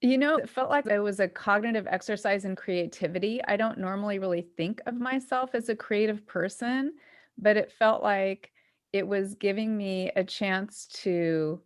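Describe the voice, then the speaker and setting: A woman hosting a podcast, talking in a reflective, thinking-aloud way. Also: mid-range voice. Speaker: podcast host. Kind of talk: casual chat.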